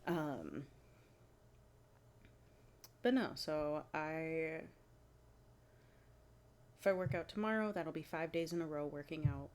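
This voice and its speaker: A young woman giving a casual fitness vlog update, rambling with fillers and restarts, clearing her throat now and then. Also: sits low, lively intonation, slow pace, pauses often. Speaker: vlogger.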